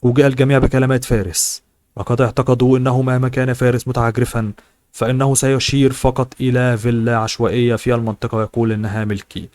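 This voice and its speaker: Fast-reading male audiobook narrator. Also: mid-range voice, no room sound. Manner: brisk, even storytelling. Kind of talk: novel reading.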